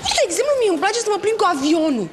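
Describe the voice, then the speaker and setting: A woman's voice: very high-pitched, big pitch swings, a loud crowd, heavy background noise. A woman playing a ditzy, fashion-obsessed young woman who gossips and calls everyone "girl". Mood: gossipy. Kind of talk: sketch comedy.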